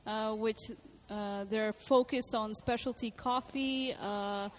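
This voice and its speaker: A woman from Venezuela, a coffee roaster, chatting on a radio show in a relaxed, friendly way with many small pauses. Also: on the high side, a little hiss or hum. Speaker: head roaster. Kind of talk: casual radio chat.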